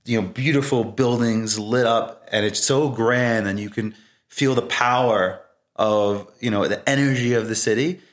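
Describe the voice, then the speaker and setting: A man's voice: mid-range voice, moderate pace. A man talking casually and reflectively as an interview guest. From Brooklyn, New York.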